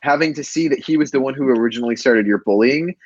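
A man co-hosting a casual movie podcast over a call, rambling, animated and laughing often. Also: medium pitch, quick pace, muffled recording, a crowd in the background. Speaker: podcast co-host. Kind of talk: casual chat.

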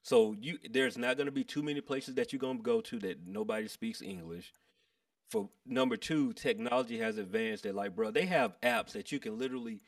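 Creaky, animated American man chatting casually. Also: mid-range voice, no room sound, studio quality, far from the mic. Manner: slangy, bro-heavy, buddy-like talk. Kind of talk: casual chat among friends.

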